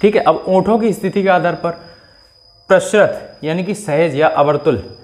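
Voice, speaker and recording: A man's voice: sits high, normal speed. A man teaching an exam-prep grammar lesson, explaining patiently, checking in often and stretching out vowel sounds to demonstrate them. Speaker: Hindi teacher.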